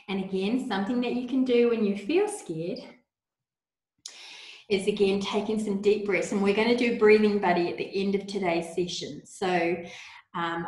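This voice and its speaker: A children's yoga teacher leads a gentle guided lesson for kids in a very echoey room. Her medium-pitched voice is soft, encouraging and coaxing, and she lets out breathy, audible sighs during the breathing exercises.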